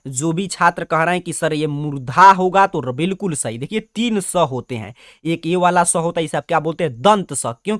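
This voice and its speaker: A young man leads an exam prep lesson, firing questions at students before giving the answers. His voice sits fairly high and lands each answer with emphatic stress. The sound is dry and close, with no room around it. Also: fairly bright tone, no echo. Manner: quizzes students then answers, upbeat and emphatic. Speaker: teacher.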